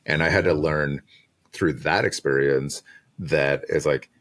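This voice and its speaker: A man's voice: rumbling low, a little slow, fairly bright tone. A man in his thirties, a design manager talking casually in an interview, reflective and laughing often, with plenty of fillers. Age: 30s. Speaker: design manager and podcast guest.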